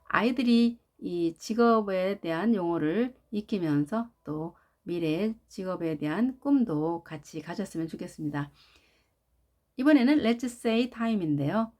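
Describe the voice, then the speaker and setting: A woman teaching English words for jobs, who speaks slowly and often starts her phrases with "자" while she drills the stress of each word. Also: mid-range voice, lively intonation, a little mellow. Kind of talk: slow, careful lesson narration.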